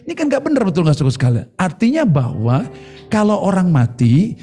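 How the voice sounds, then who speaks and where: Animated male preacher, mellow voice. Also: sits high, a little fast, faint music behind. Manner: animated preaching with playful acted-out dialogue. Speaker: pastor. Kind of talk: sermon. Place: church service streamed online.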